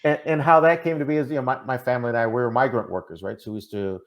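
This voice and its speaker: Over a noisy crowd, a man speaks very fast at a medium pitch, his tone steady. He's a Minnesota podcast guest with a matching accent, talking casually in an interview and often stumbling over fillers and restarts.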